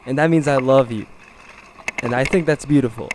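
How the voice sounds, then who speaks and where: Young man, deadpan jokes, vlog voice-over, noisy recording. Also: mid-range voice, a little fast. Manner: deadpan jokey storytelling. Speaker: mountain bike vlogger. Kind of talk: comedic voice-over narration.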